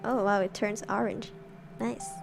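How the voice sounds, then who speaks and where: A woman's voice: mid-range voice, steady tone, measured pace, gravelly, over music. A woman streamer chatting casually in her bedroom while reading horror stories, talking in a jumpy, giggly way. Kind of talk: casual livestream chat.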